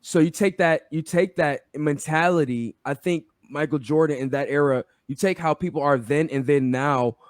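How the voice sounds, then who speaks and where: A man's voice: fairly high pitch, moderate pace, hardly any pauses, no room sound, clean studio sound. A man hosting a casual podcast debate, repeating phrases and restarting as he builds his point.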